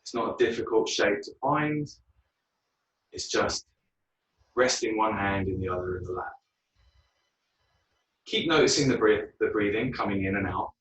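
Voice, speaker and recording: A man guiding a yoga class, relaxed and unhurried, with frequent ums. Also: lowish voice, recorded from a distance, low-quality recording. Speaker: yoga teacher.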